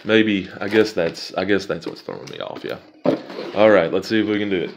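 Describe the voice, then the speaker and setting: A card pack opening vlogger casually talks viewers through opening packs, rambling and amused at himself. His low voice moves briskly with big pitch swings and vocal fry. There is background noise.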